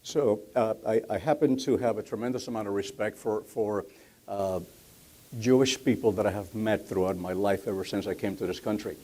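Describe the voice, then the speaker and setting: A middle-aged or older man with a Cuban accent, answering interview questions before an audience in a halting way, repeating words as he goes. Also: on the low side, mellow. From Cuba. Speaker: business leader, guest speaker. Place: on stage at a luncheon event.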